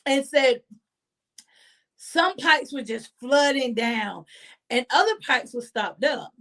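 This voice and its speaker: A woman hosting a live stream, giving an animated casual devotional talk and exclaiming often to her listeners. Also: high-pitched, slow pace. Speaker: host of a faith live stream.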